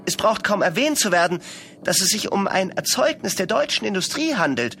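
A man's voice: measured pace, pushed and bright. A man doing a stammering, desperate accused man. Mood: pleading. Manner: high-strung, imploring.

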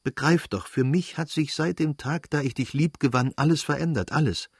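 A man's voice: on the high side, normal speed, breathy edge, dry recording, clean studio sound, pitched above the performer's own voice. A man voicing an anguished noblewoman torn between her lover and her son, speaking in a trembling, pleading way as he reads the story aloud. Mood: passionate.

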